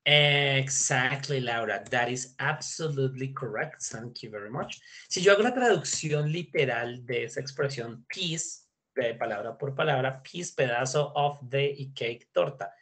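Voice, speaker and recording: A man's voice: mid-range voice, expressive, unhurried, a bit bright. A man teaching an online English class, chatty and mixing English phrases into his explanations. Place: video call.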